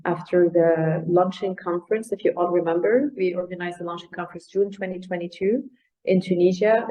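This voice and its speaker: A woman's voice: fairly low pitch, dark tone. A woman giving an informal webinar presentation, hesitant and often searching for words. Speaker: project presenter. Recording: dull lo-fi webinar audio.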